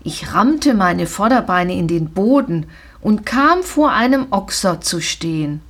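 A woman narrating a children's story in the first person in a calm, measured way. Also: medium pitch, breathy edge. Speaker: audiobook reader.

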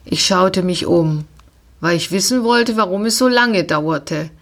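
A woman narrating a children's storybook reading in an expressive, unhurried way. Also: fairly low pitch.

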